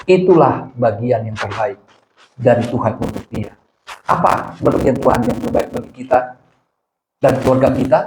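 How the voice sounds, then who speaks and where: A man's voice: mid-range voice, animated, normal speed, noisy background. A man preaching a sermon as pastor, telling a personal story with emphatic, storytelling delivery. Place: church hall. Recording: echoey church hall.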